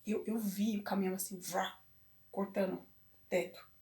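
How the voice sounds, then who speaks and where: A woman telling a personal story to camera, emotional and halting with many restarts. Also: mid-range voice, little pitch movement, dark tone. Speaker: vlogger. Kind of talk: personal confessional talk.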